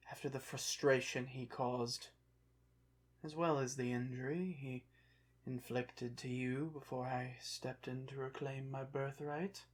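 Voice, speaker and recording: Playing an arrogant undead pharaoh of Egypt for an ASMR roleplay, this performer delivers lofty, formal lines in a slow, gentle manner. The voice is medium-pitched and the feeling is indignant.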